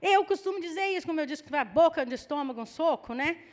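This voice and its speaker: A woman with a Brazilian Portuguese accent preaching a lively sermon, acting out people's excuses in mock voices. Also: high-pitched, fast.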